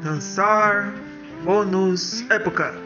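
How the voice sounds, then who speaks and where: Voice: medium pitch, very slow, bright, forceful tone, muffled recording, soft background music. A performer voicing Tom, a cheerful cartoon helper who repeats the choices, thinks aloud and calls out the answer. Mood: eager.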